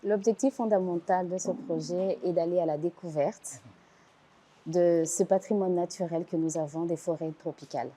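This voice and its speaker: A young woman from the Democratic Republic of the Congo, a film director and actress, speaking as a guest in a studio interview in a soft-spoken, eager way. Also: on the low side, normal speed, a little hiss or hum. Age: young adult.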